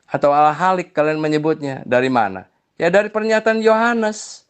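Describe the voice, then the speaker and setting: A man's voice: a little high, lively intonation, normal speed, clean tone. Chiding man explaining his faith. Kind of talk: religious debate voice notes.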